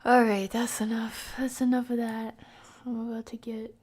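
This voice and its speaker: This woman hosts a livestream, chatting casually and rambling with viewers while reading their comments. Her voice is a little high and a little mellow, with a level tone at normal speed.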